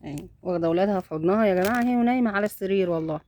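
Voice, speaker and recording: A woman's voice: medium pitch, racing. A woman with an Egyptian accent filming her cat at home on her phone and talking fondly to viewers in a casual vlog. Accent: Egyptian Arabic. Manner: talks softly and fondly to the cat and kittens. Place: home bedroom.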